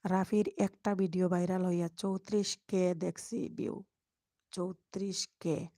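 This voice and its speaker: A woman hosting a casual live stream, speaking very softly and at times whispering as she reads and answers viewer comments. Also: lowish voice, level tone, unhurried, no room sound, clean studio sound. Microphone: microphone.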